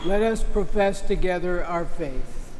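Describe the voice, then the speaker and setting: Older man, priest, measured homily, high voice, slow delivery, long church reverb. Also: background noise. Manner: measured preaching cadence. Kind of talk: homily and liturgy. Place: large church, at a lectern. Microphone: podium microphone.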